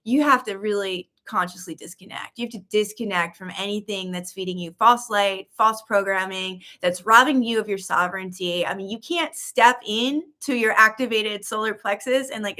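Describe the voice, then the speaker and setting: A woman's voice: medium pitch, normal speed, few pauses, sharp tone. A woman spiritual healer hosting a casual live session, effusive and earnest, repeating words for emphasis. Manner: earnest, uplifting. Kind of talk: casual live-stream talk to viewers.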